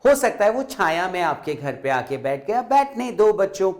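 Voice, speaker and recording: A man's voice: sits high, very animated, moderate pace, darkish tone. A male teacher patiently explaining a storybook lesson to children, speaking to them directly.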